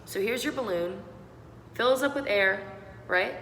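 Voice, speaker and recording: A woman's voice: mid-range voice, a little slow, fairly bright tone. Upbeat woman teaching in an echoey room. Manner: upbeat, encouraging, demonstrates sounds step by step. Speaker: singing teacher. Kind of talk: online beatboxing lesson. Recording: roomy echo with long reverb and faint noise.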